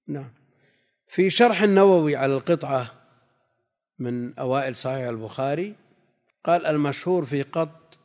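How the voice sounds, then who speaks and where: A man's voice: medium pitch, a little mellow. Man teaching in a reverberant hall. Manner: reads quoted passages slowly, repeats key phrases, answers students. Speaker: religious teacher. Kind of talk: classical text lesson with commentary.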